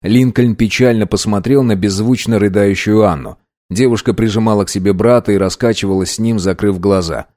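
A man narrates an audiobook in an even, measured storytelling manner, his voice on the low side. The studio-quality recording has no echo.

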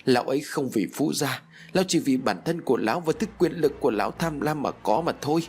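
A man's voice: expressive, quick pace, darkish tone, soft background music, natural voice. A man voicing a desperate young man who defies and pleads with his grandmother in a strained, raised voice. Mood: pleading. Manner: pleading and defiant, strained higher voice.

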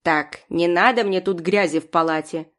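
A woman's voice: on the low side, normal speed, natural voice. A woman voicing a commanding old woman doctor who barks orders in an audiobook. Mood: imperious. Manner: commanding, barking. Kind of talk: audiobook character voice.

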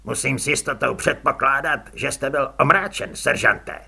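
A man voicing a calm, steely watch sergeant who speaks quietly and firmly. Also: medium pitch, heavily acted. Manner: quiet, firm, clear.

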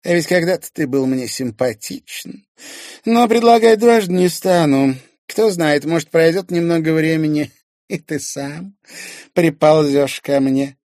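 A man's voice: a little high, unhurried, darkish tone, dry recording, clean studio sound, pitched above the performer's own voice, natural voice. A man voicing a scheming, mocking teenage girl who taunts with a sneer, in an audiobook.

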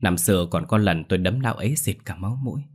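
A frightened grown son speaks in a trembling, stammering voice, voiced by a male narrator. The tone is low and husky, halting and shaken in a spoken horror story. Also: expressive. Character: frightened grown son haunted by dead father.

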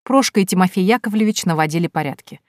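A woman narrating an audiobook in the first person, with lively, wry storytelling. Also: on the low side, quick pace, no echo, clean studio sound.

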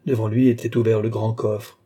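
A man reading a novel aloud as a narrator, in a measured storytelling manner. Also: lowish voice, little pitch movement, warm tone, slightly rough. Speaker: audiobook narrator. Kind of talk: scripted narration.

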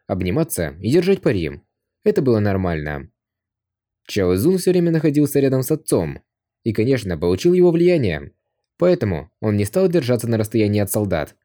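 Lively mellow male audiobook narrator. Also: on the low side, brisk. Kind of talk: scripted narration.

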